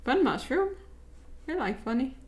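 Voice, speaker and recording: A young woman chatting casually over gameplay as a streamer, joking in a playful, deadpan way. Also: sits high, unhurried. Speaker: game streamer.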